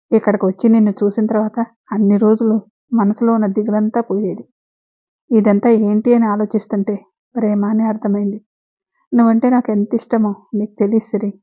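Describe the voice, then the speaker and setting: A woman's voice: medium pitch, narrow, tinny audio. A woman hosting a storytelling channel, reading a love story aloud and voicing all the characters in her own voice. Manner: reads every character's lines in her own voice. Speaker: storyteller host.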